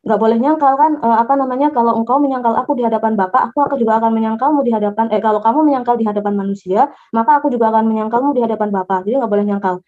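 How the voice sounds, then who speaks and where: A woman from Java earnestly telling her personal faith testimony in an animated way. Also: on the high side, racing. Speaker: testimony speaker. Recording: dull lo-fi recording.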